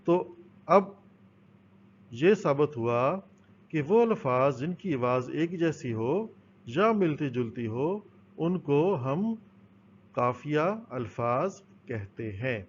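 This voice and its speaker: A man's voice: fairly high pitch, lively intonation. Patient male teacher, lo-fi recording. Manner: explains patiently, asks and answers own questions. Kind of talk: recorded school lesson. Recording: dull, lo-fi with faint noise.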